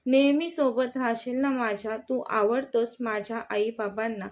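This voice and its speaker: A woman's voice: on the high side, steady tone, measured pace, darkish tone, lightly acted. A woman reading as an anxious young bride-to-be. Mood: earnest, pleading. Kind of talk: storybook dialogue reading.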